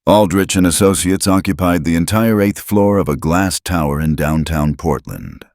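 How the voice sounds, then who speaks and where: A man narrating a dramatic story in a steady, scripted storytelling voice. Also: sits low, moderate pace, dry recording, clean studio sound.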